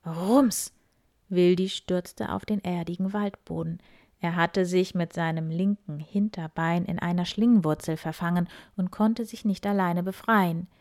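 A woman reading a children's story aloud, lively and expressive. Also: fairly low pitch.

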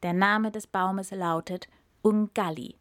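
A woman's voice: mid-range voice, fairly even intonation, slow, dry recording, studio quality, natural voice. Stern lion king, read by a woman; grave, impatient, storybook tale.

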